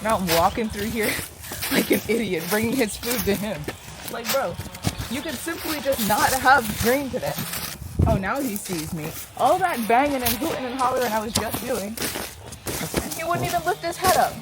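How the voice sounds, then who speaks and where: In a very noisy recording, a young adult woman vlogs from her bedroom, chatty and rambling, often breaking off partway through sentences. She speaks at normal speed with a slightly high, expressive voice.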